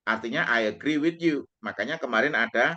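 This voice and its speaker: A man teaching an online English class, explaining slowly and stressing the English phrases he quotes. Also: mid-range voice, bright, forceful tone, muffled recording. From Indonesia.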